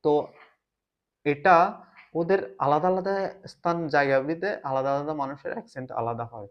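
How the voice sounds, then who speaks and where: A man from Bangladesh with a Bangladeshi Bengali accent talks casually to the camera in a reflective way, often pausing to search for words. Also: a little high. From Chittagong, Bangladesh. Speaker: vlogger. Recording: slightly dull lo-fi sound.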